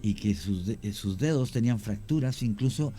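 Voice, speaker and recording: In a radio studio conversation, a guest with a Chilean accent tells lengthy stories about the history of cemeteries, hesitating frequently. His fairly low voice is mellow and lively in intonation, moving at a normal speed.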